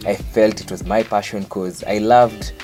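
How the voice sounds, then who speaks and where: A man's voice: lowish voice, fairly even intonation, measured pace, mellow, faint music behind. A young Kenyan man with a Kenyan English accent, chatting upbeat and talkatively as an interview guest, now and then dropping in Swahili. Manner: upbeat, talkative, mixes in Swahili, frequent "yes". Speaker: interview guest, radio presenter and social media personality. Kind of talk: casual interview chat.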